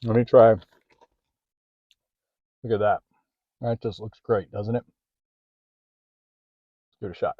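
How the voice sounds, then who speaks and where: A man's voice: on the low side, flat delivery, slow pace, pauses often, no echo, narrow, tinny audio. A man hosting a casual food vlog, chatting as he eats, sometimes with his mouth full, filming one-handed in a parked car. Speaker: food vlogger. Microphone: handheld phone or camera.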